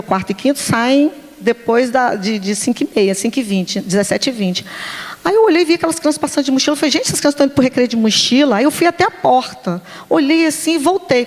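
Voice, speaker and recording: A woman, a teacher, telling a lively testimony to a congregation and acting out the children's voices. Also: high voice. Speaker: teacher giving a church testimony. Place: church hall. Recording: long hall reverb.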